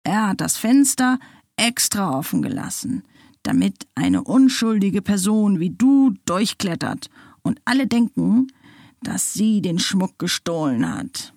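A woman voicing a menacing dead old woman risen from her coffin, speaking slowly and eerily, half-whispered. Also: medium pitch, sing-song, vocal fry, darkish tone, no echo, clean studio sound, full character voice.

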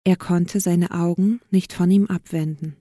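A woman's voice: lowish voice, steady tone, unhurried, dark tone, no echo, studio quality. A woman narrating a fairy tale aloud in simple, carefully phrased sentences for learners. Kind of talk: slow storybook reading for learners.

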